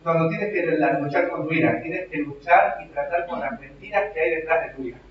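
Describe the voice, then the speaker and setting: A young adult man with a Rioplatense Argentine accent, preaching a sermon in a church hall, shifting from hushed reflection to loud emphatic exhortation. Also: a little high, fairly quick, a little hiss or hum. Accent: Rioplatense Argentine Spanish. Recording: very echoey hall, distant, dull.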